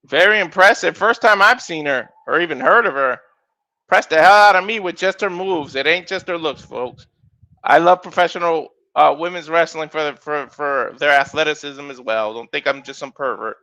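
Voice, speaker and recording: A man giving live play-by-play commentary on a wrestling match, excitable and swearing casually, shouting at near-falls. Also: fairly high pitch, moderate pace. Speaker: wrestling watch-along commentator.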